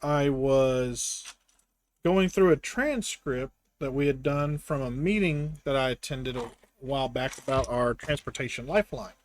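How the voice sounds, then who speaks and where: A man with a Southern US accent builds a brick set on a live stream, chatting casually in a rambling, wry, self-deprecating way. His voice is mid-range and a little slow.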